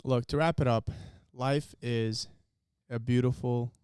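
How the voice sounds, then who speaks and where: A man's voice: medium pitch, steady tone, measured pace, darkish tone, clean tone, dry recording, clean studio sound. A man in his early twenties co-hosting a podcast, talking in an earnest, motivational way. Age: 20s. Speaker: podcast co-host. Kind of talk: casual chat.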